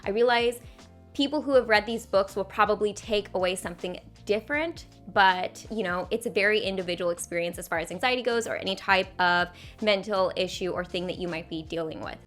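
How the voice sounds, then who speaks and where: A woman's voice: medium pitch, fairly quick, a bit bright, faint music behind. A young woman vlogger talking casually to camera about books she has read, often saying "like". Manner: chatty, frequent "like" fillers.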